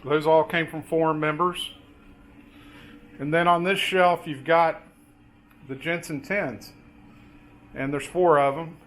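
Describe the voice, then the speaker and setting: Guy doing a laid-back hobby tour, talks real slow and halting, voice a bit on the high side. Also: fairly even intonation, fairly bright tone. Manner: halting, item-by-item pointing out. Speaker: hobbyist collector giving a tour. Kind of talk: casual unscripted show-and-tell.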